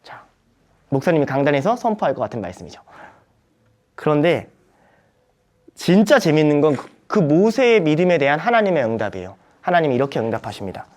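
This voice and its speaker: Animated young male preacher. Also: fairly quick, long pauses. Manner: animated, acts out quoted voices with sharp pitch jumps. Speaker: youth ministry preacher teaching teachers. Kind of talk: Bible study lecture.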